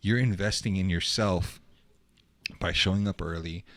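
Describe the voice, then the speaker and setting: In a podcast studio, a male host chats loosely through a casual interview, laid-back and full of slang and fillers like "like", "dude" and "bro". His voice is low and a bit bright at a normal speed, with no room sound.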